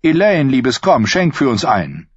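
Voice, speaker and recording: A man voicing a smooth, scheming male lord in an audiobook, courteous and silky in manner. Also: mid-range voice, big pitch swings, measured pace, no room sound, muffled recording, pitched above the performer's own voice.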